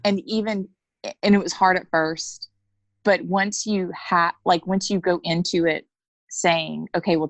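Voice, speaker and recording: A woman in her thirties with a fairly low, vocal-fry voice talks frankly as a guest in a candid conversational interview, being a coaching client who acts out little snippets of dialogue. There's no room sound.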